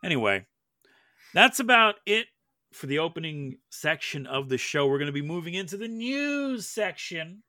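A man's voice: on the high side, sing-song, normal speed, sharp tone, no echo, studio quality. A young man hosting a casual gaming podcast, joking and swearing freely as he reads the news. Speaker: podcast host.

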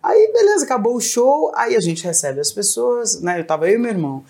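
Lively Brazilian woman telling stories. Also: fairly high pitch, fairly quick, husky. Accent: Brazilian Portuguese. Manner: animated, acts out quoted dialogue, frequent "né" and "assim". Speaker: guest singer. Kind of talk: casual podcast storytelling.

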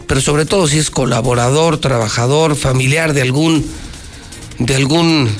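A Mexican man hosts an opinion phone-in with light music behind him. His middle-pitched voice is emphatic and colloquial. He repeats phrases for rhetorical weight and leans into sarcasm. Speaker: radio and TV talk show host. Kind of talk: live phone-in opinion commentary. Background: background music.

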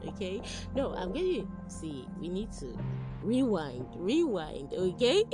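A Nigerian-accented woman talks off the cuff on her own podcast. Her voice is on the lower side and animated, with phrases repeated for emphasis, and music is clearly audible behind her. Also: slow. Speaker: podcast host. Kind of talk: spontaneous casual solo podcast chat. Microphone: phone.

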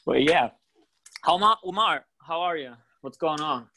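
Male podcast host, slightly high voice, tired, laid-back, swears a lot. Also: lively intonation, unhurried, pushed and bright. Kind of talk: casual podcast chat.

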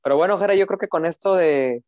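Co-hosting a football podcast, this young man speaks as an emotional fan, chatting casually and repeating phrases in a high, slightly mellow voice at a quick pace. There's no echo; the recording is dry, roomless, and a bit dull and lo-fi.

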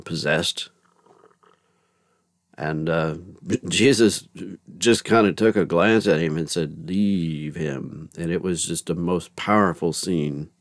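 A man's voice: sits low, no room sound, clean studio sound. A man hosting a faith podcast, reading scripture and chatting in a rambling, folksy way with many restarts. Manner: rambling, self-correcting, folksy. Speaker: podcast host. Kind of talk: casual commentary with scripture reading.

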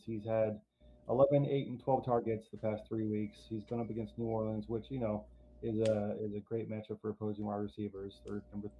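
A man with a low, gravelly voice co-hosts a casual fantasy football chat. He talks in halting bursts full of restarts and likes to tease. His voice comes through a tinny, phone-like line with a faint hiss behind it. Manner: halting, with many restarts and fillers, teasing. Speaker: co-host.

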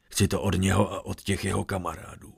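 A man's voice: sits low, little pitch movement, vocal fry, husky, dry recording, studio quality, exaggerated voice. A man voicing a huge, blunt, menacing male warrior.

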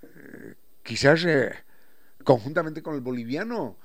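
A man with an Ecuadorian highland accent giving a reflective radio talk, explaining things with examples and acting out local turns of phrase. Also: lively intonation, a little slow, vocal fry. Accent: Ecuadorian highland Spanish.

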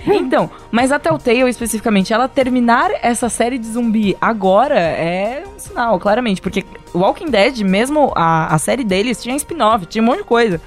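A woman in casual podcast chat, expressive and quick to jump in. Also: a little high, soft background music.

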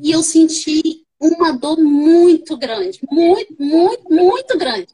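A young woman with a Brazilian Portuguese accent, a podcast guest telling her own story in a casual, animated way and acting out the voices of others. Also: high-pitched, takes it slowly, rough recording.

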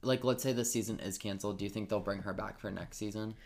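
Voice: low-pitched, fairly even intonation, fast, crowd noise. A podcast co-host in casual chat, talkative and swearing, full of "like" and restarts. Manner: chatty, lots of "like" and restarts, swears.

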